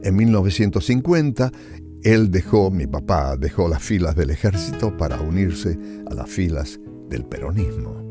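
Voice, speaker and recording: With music playing behind him, an author in his seventies from Salta reads his own family memories aloud in a deep, expressive voice at normal speed. His northern Argentine accent colors the storytelling, which he sprinkles with conversational asides.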